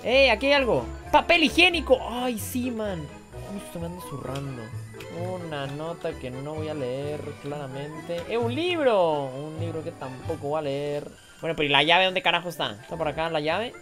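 A woman streamer giving jokey, excitable commentary while playing games. She swears in two languages and often breaks into yelps and shrieks. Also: deep voice, normal speed. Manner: jokey, swears in Spanish and English. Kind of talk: gaming commentary. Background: game music.

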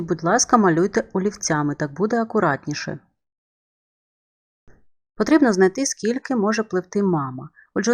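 A woman teacher talking young pupils through their math exercises. She is calm and patient, and her voice is of middle height. She explains each step clearly, as in a recorded remote lesson. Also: mid-range voice.

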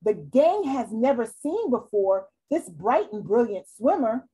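Expressive, slow-paced woman reading a storybook. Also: fairly high pitch, slightly rough, low-quality recording. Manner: expressive, deliberate. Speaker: storytime reader. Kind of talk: children's picture book read-aloud. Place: small room at home, indoors. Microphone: computer mic on a video call.

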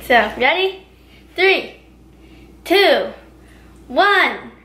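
A woman's voice: sits high, lively intonation, very slow, pushed and bright, slight background noise. A teenage girl walking through a recipe at home in her kitchen, chatty and loose, full of "like" and "um", recorded on a nearby camera. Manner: chatty, explains steps with many "like" and "um". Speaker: home cooking vlogger. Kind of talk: casual cooking demo. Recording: roomy kitchen with clattering dishes.

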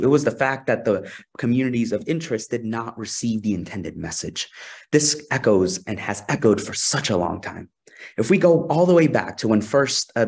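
A young man from Peru presents as a social scientist in a webinar, speaking over a video call. His voice sits a little low and carries a husky, breathy edge. He talks earnestly and now and then asks for the next slide. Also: a little mellow. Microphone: video call webcam.

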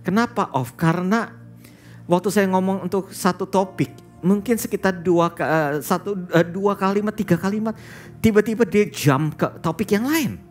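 A man's voice: high-pitched, normal speed, soft background music. A male pastor preaching a sermon, telling a story and often addressing the congregation directly, with English words mixed into his speech.

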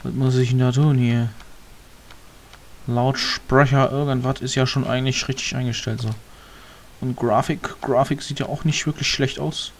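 Male let's-play commentator, mid pitch, mutters and rambles over gameplay, faint hiss behind. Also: fairly even intonation, normal speed. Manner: rambling, muttering to himself, mildly grumbling. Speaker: let's player.

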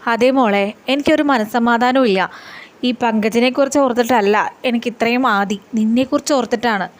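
A woman's voice: on the high side, normal speed, close to an everyday voice. A woman voicing a scheming middle-aged aunt who pretends to care for her niece. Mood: sugary.

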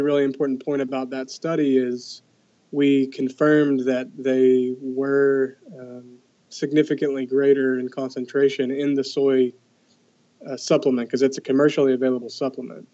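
Speaking as a guest researcher, a young man casually explains what his study found, though he hesitates, filling his talk with "um"s and restarting often. His mid-range voice sounds mellow, and the audio is lo-fi.

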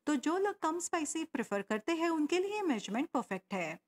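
A woman's voice: high-pitched, very animated, brisk. A woman narrating a cooking video, explaining each step and adding tips. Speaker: cooking channel host. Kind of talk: recipe voice-over narration.

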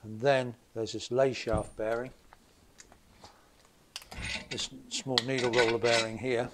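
English bloke talking through an engine strip-down in his basement, plain and steady, fan humming faintly behind. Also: medium pitch, slow. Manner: plain, methodical, thinking aloud with fillers. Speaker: motorcycle mechanic presenter. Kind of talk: hands-on workshop demonstration. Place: basement workshop. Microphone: camera mic above the bench, hands only in frame. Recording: faint extractor fan hum. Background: extractor fan noise.

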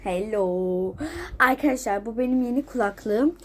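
A woman's voice: fairly high pitch, a little slow, slight background noise. A teenage girl vlogging casually while sick with a cold, coughing and runny-nosed, chatting repetitively to her friends. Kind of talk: casual chat to camera. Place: at home, just out of bed.

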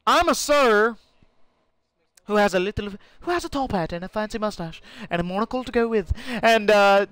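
A man's voice: sits high, expressive, quick pace, clear, resonant tone, no room sound. A young man live-streaming a shooter game, rambling casually, swearing and laughing as he plays. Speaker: gaming streamer. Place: home room during a thunderstorm.

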